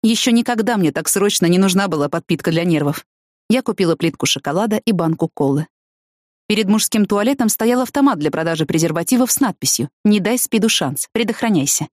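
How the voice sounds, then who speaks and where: A woman narrating a first-person novel in an even, measured storytelling voice. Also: on the low side, dry recording, clean studio sound. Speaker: audiobook narrator.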